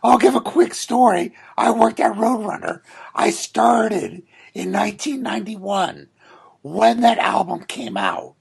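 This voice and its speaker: Hoarse podcast host guy, super gravelly and raspy, swears a lot, laid back banter. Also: high-pitched, very animated, measured pace. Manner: profane, joking banter. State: hoarse, losing his voice. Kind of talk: casual podcast chat.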